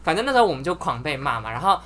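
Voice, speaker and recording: Woman in her 20s, low voice, bright edge, swears now and then telling stories. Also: rapid-fire, a little hiss or hum. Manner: animated storytelling, swears for emphasis. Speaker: podcast host. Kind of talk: casual chat.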